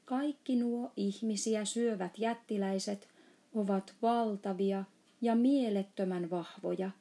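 A woman's voice: medium pitch, steady tone, dark tone, close to an everyday voice. A woman voicing a big friendly male giant in a storybook reading, playfully mangling his words. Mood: emphatic.

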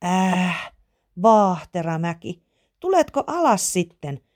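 A woman's voice: on the low side, sing-song, breathy edge, no room sound, studio quality, full character voice. A woman voicing a kind, inventive young boy in a storybook reading, matter-of-fact and calling out.

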